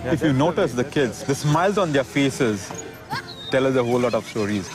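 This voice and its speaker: Relaxed, contented father. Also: mid-range voice, moderate pace, music in the background. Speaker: father at a playground. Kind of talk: casual interview.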